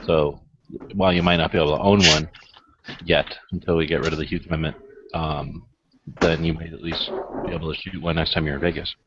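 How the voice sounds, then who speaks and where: A man in a casual group podcast chat, measured and joking. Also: a bass voice, fairly even intonation. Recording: lo-fi audio with noise.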